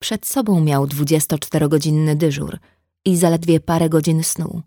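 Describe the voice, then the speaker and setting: A woman narrating an audiobook in a measured, even reading. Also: sits low, no room sound, studio quality. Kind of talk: scripted narration.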